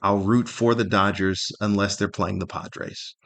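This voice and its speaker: A gravelly, somewhat bright, low male voice with fairly even intonation comes through a little slowly. The speaker is an older man, 50-plus, from Southern California with an American accent, casually hosting his own solo podcast and rambling with self-deprecating humor.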